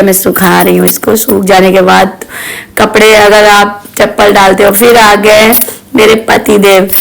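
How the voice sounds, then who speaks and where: A woman's voice: medium pitch, vocal fry, low-quality recording. A woman in her thirties from Bihar, narrating her family vlog in a chatty way and speaking straight to her viewers. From Bihar, India. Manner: chatty, addressing viewers directly. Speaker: family vlogger.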